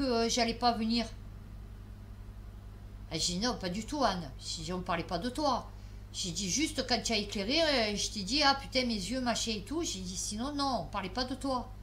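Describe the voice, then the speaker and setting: Woman vlogger, tired, chatty storyteller, slightly high, bright and forward tone. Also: a little hiss or hum. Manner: chatty, swears, many fillers and restarts. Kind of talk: casual storytelling to camera.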